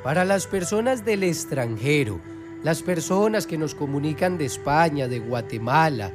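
A man hosting a radio infomercial for a spiritual phone line, spelling out numbers slowly. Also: a little high, lively intonation. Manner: slow, repeats phone numbers digit by digit. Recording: music bed behind.

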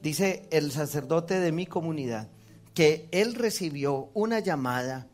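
With a somewhat high voice and a Colombian Spanish accent, a Colombian man preaches as a priest, telling his testimony like a story at a measured, animated pace. He performs the other people's lines and laughs at himself while faint music sounds behind him.

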